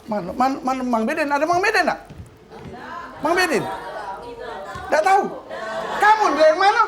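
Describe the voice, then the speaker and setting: A young woman with a Palembang accent playing a loud, scolding parent searching for their children in a comedy sketch. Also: high voice, very animated, moderate pace, roomy sound, crowd noise. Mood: frantic. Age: young adult. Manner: shouty, scolding, laughing. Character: loud fussy parent looking for their kids. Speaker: student actor in a TV comedy sketch. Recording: stage with loud audience noise.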